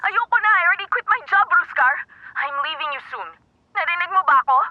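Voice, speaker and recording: A woman's voice: very high-pitched, lively intonation, a little fast, dry recording, lo-fi sound. An actress dubbing a distraught, fed-up young woman who switches between Tagalog and English. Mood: defiant. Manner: emotional, mixing Tagalog with English. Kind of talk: Tagalog drama dub.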